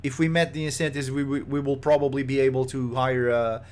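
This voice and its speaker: Game developer, male, medium pitch; rambling, restart-heavy casual podcast talk, exasperated tone. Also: level tone, brisk, darkish tone. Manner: rambling, frequent fillers and restarts; exasperated at rumors.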